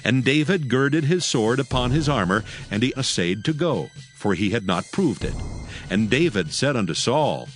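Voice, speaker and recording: A man narrates a dramatized scripture reading. His voice sits at a medium pitch with lively movement, and faint music runs underneath. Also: normal speed. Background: background music.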